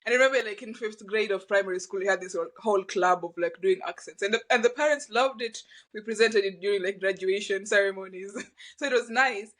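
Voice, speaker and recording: Animated young Kenyan woman telling stories. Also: medium pitch, fast talker, low-quality recording. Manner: storytelling, animated, laughs between phrases. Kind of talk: casual chat.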